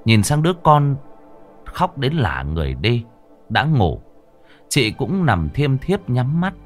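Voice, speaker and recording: A man narrating a ghost story in an expressive, dramatic storytelling way. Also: mid-range voice, slow pace, soft background music.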